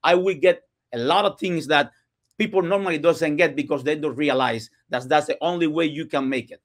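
Speaking brisk, fairly high-pitched English with a Cuban Spanish accent, a real estate entrepreneur from Cuba earnestly recounts his story as a guest in a casual podcast studio interview. It's his second language, so he often restarts sentences and uses non-native grammar.

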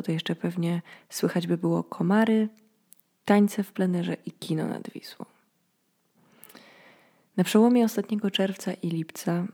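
A woman in her twenties talks alone in a quiet, night-time hush. Her voice sits slightly low and is very soft-edged and dark in tone. She sounds a little sleepy and tells her thoughts reflectively, in the style of a personal podcast. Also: gravelly. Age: 20s. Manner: reflective, storytelling. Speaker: podcast host.

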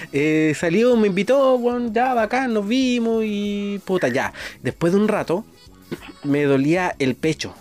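A man's voice: high voice, expressive, a little slow, darkish tone, soft background music. A man with a Chilean accent chatting casually as a podcast host, crude, slangy and joking. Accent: Chilean Spanish. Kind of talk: casual chat.

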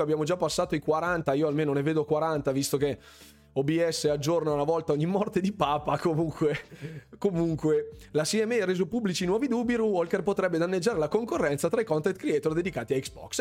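A playful man hosts a live gaming quiz stream, chatting casually with his viewers. His voice sits a little high, and he repeats words in bouncy runs. Faint music plays softly behind him. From Bergamo, northern Italy. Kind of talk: casual livestream chat, greeting viewers.

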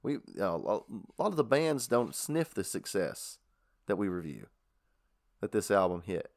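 A man's voice: fairly low pitch, big pitch swings, moderate pace, creaky. A man co-hosting a casual album review chat, hesitant and full of restarts as he talks through his thoughts. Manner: hesitant, many restarts and fillers. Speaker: podcast co-host reviewing albums.

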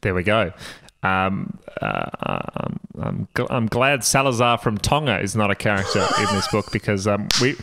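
A man appears as a podcast guest reading a story aloud for comedy, tossing in joking asides in an amused delivery that often tips into laughter. His lowish, fairly bright voice swings widely in pitch, with vocal fry at a normal speed.

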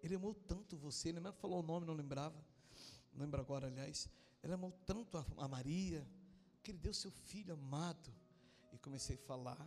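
A middle-aged man from southern Brazil, a pastor telling a story in a sermon, acting out the dialogue and rising to loud, emotional preaching. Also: fairly high pitch, fairly quick, faint music behind.

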